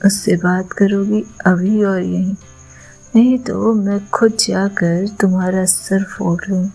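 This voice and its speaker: A stern young woman professor speaks with slow, commanding menace, as a female storyteller voices her. Her voice has a gravelly fry, and faint music plays under this audio love story. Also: medium pitch, steady tone, mellow, rough recording. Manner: threatening, commanding.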